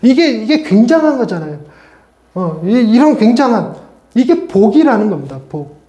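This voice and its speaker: A middle-aged male pastor preaching a sermon, chatty and animated, with playful asides to his congregation. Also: very high voice, moderate pace, lo-fi sound. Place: church sanctuary. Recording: echoey church hall.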